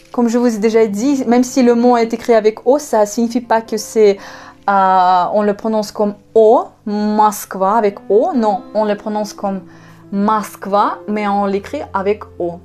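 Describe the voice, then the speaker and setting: Russian-accented woman, language teacher; slow, patient, mellow voice. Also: fairly high pitch. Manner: patient, spells out letters slowly. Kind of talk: online language lesson.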